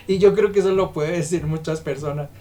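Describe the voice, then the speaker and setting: A man's voice: fairly high pitch, a little fast, warm tone. Man, preacher, sermon, emphatic delivery, rhetorical questions.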